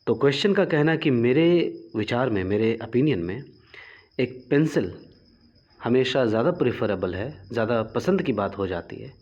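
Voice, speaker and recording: A male teacher walks through exam grammar questions patiently, step by step, and reads each example sentence out slowly. His voice sits at a medium pitch. The recording sounds slightly dull and lo-fi. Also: darkish tone.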